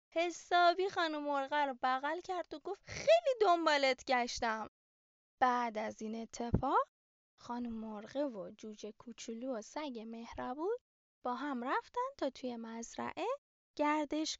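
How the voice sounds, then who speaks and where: High-voiced woman reading a children's story. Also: no echo. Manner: sing-song, gentle and motherly. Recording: slightly dull lo-fi recording.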